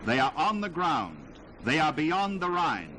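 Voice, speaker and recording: A man's voice: fairly high pitch, very animated, measured pace, heavy background noise. A man narrating a 1940s wartime newsreel in a dramatic, declamatory delivery, heard on an old newsreel soundtrack. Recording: loud music score underneath.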